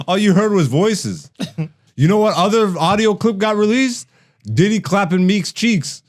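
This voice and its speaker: A man's voice: high voice, big pitch swings, slow pace. Joking young male podcast host. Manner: loose, joking, laughs often. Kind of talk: casual podcast chat.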